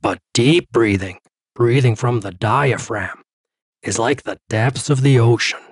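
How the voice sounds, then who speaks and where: A man voicing a calm male therapist who talks a patient through breathing exercises in a story reading. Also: medium pitch, husky, no echo, clean studio sound. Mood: soothing. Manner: slow, soothing instructions.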